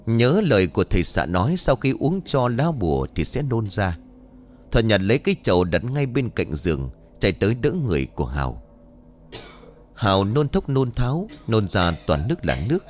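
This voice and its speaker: A man narrating a scripted ghost story in a dramatic, expressive way. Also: lowish voice, moderate pace, a little hiss or hum. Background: faint music.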